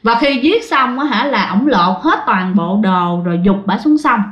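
A woman tells ghost stories casually and keeps speaking to her listeners. Her voice sits a bit high. The recording is muffled and roomy. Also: lively intonation, normal speed, fairly bright tone. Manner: chatty, addresses the audience often. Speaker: ghost story narrator.

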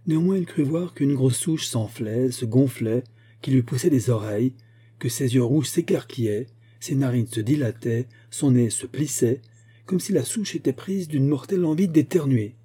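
A man reading a fantastic folk tale aloud as narrator, in a lively storytelling manner. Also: medium pitch, normal speed, slightly rough. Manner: lively storytelling, voicing the grandfather's lines.

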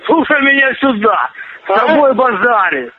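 A man's voice: very high-pitched, very animated, moderate pace. A man making a prank phone call, swearing and aggressive, posing as a police officer. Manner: foul-mouthed, aggressive, claims to be a police officer. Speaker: prank caller. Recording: tinny phone line.

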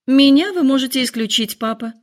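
A woman's voice: high voice, expressive, brisk, voice pushed up. A woman voicing a cold, aloof, bookish teenage girl.

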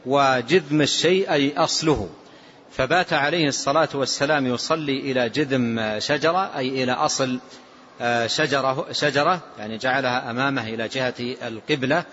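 A male scholar giving a lesson on a classical text, explaining phrase by phrase, repeating himself and pausing with drawn-out fillers. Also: mid-range voice, a bit bright. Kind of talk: lesson commentary. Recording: dull lo-fi recording with faint hiss.

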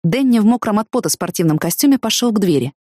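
A woman narrating a first-person audiobook with expressive storytelling. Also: medium pitch, fast talker, no echo, studio quality.

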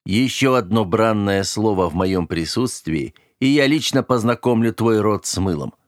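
A pleasant, self-assured young man with a chilling edge, as a male reader puts him on, read a little higher than the reader's own voice. He moves between light banter and cold, measured calm. The sound is close and dry. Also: no echo, close to an everyday voice. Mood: steely. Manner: cheerful, then cold and clipped. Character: genial but menacing young man, calmly dominant. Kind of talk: audiobook character voice.

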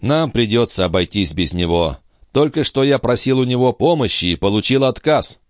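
A man's voice: medium pitch, animated, normal speed, no room sound, studio quality, voice pushed up, natural voice. A man reading an audiobook, voicing an earnest, grieving young nobleman.

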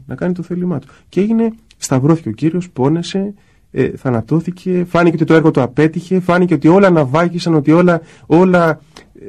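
A man's voice: on the high side, husky. A man, a priest, talking about prayer in a conversational way and acting out quoted voices as he goes. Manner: acts out quoted voices in lively asides.

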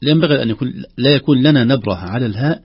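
A man teaching the rules of Quran recitation, patiently demonstrating words slowly and repeating them. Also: medium pitch, slightly rough, no room sound, highs cut off. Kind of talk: explaining recitation rules with spoken examples.

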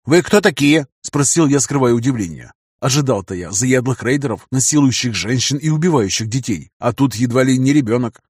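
A man's voice: medium pitch, fairly quick, few pauses, darkish tone, husky, no echo, clean studio sound. A man narrating a first-person audiobook in a casual, wry storytelling manner.

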